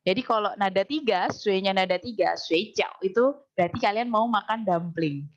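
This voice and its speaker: A woman teaching a language class. She explains things patiently, slows right down to drill phrases, and keeps quizzing her students. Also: mid-range voice, dull audio. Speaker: Mandarin teacher.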